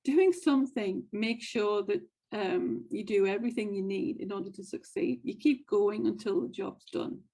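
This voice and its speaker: A woman's voice: mid-range voice, moderate pace, hardly any pauses, dark tone, rough recording. Earnest woman coaching listeners. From United States. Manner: earnest, encouraging, repeats key phrases. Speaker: podcast host and wealth coach. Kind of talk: motivational monologue.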